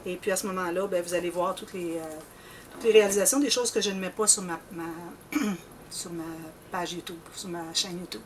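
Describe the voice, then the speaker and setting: A woman's voice: on the low side, steady tone, a little fast, recorded from a distance, a little hiss or hum. Chatty Québécois woman, a bit off-mic. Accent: Québécois French. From Canada. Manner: rambling, chatty, often clears her throat. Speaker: scrapbooking channel host. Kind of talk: casual chat to viewers.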